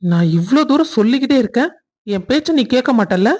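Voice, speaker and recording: A woman's voice: a little high, lively intonation, brisk, a little mellow. A woman voicing a playful young husband in a cartoon family story, teasing in a mock-stern way.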